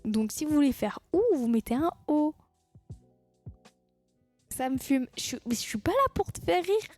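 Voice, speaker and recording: Woman, streamer, chatty, teasing, high voice, dry sound. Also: big pitch swings, normal speed, a little mellow, no room sound, faint music behind. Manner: teasing, chatty, laughs at her own jokes. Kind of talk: casual live-stream chat with viewers.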